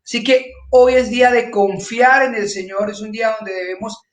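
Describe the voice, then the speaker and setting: A high-pitched man delivers a church sermon in an earnest, steady manner. His voice rings out in a roomy, echoing space. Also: moderate pace. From Peru. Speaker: pastor. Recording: echoey room.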